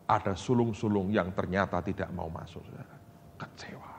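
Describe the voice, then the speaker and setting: A pastor preaching a sermon, calling the congregation "saudara" and swinging between hushed storytelling and loud, excited preaching. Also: male voice, deep voice, normal speed, a little hiss or hum. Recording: long hall reverb.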